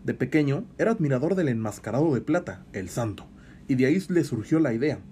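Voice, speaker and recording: Male narrator for wrestling profiles, animated intonation, soft dark tone, faint noise. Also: mid-range voice, brisk. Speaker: co-host of a lucha libre show. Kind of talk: scripted biographical narration.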